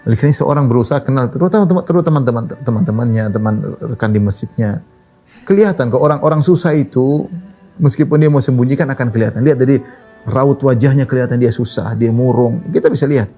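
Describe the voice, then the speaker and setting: A man preaching a sermon, telling stories in an animated, conversational way with wide swings in pitch. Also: quick pace, soft background music. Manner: casual conversational phrasing. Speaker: Islamic preacher.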